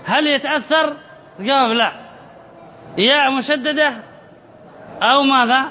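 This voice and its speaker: Sheikh, male, very high voice, classroom lesson, quizzes then answers himself, dull recording with faint hiss. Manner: explains by asking questions and answering them himself, repeats phrases slowly. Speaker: sheikh teaching Arabic spelling. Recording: slightly dull recording with faint background noise.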